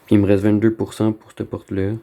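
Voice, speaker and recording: A warm-toned but completely flat delivery marks this fast-talking gamer, whose voice is on the low side. He's from Quebec, with a Québécois French accent, and records casual, rambling video commentary full of slang, including bits of English.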